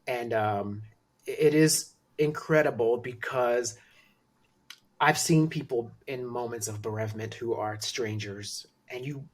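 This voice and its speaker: A man's voice: mid-range voice, measured pace. A man hosting an interview, reacting with encouraging remarks to his guest. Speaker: host. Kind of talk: interview chat.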